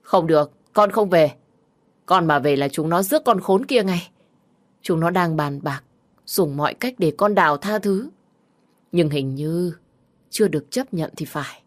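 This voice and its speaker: A woman's voice: low-pitched, a little slow. A woman voicing a scheming, vengeful young woman in a narrated story.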